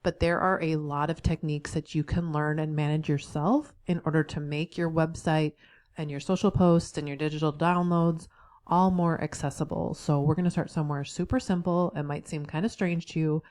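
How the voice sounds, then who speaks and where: A middle-aged woman, nasal from a head cold, teaches an accessibility tutorial video and speaks straight to the viewer with encouragement and many a "right?". Her voice is low and darkish, with fairly even intonation and a moderate pace, in a dry recording.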